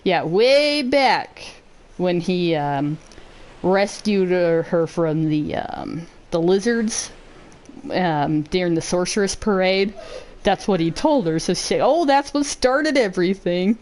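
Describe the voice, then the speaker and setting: A woman streaming a game, making chatty, halting asides between the dialogue. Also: on the low side, lively intonation, a little mellow, slight background noise. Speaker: streamer reading a game aloud. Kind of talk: casual chat.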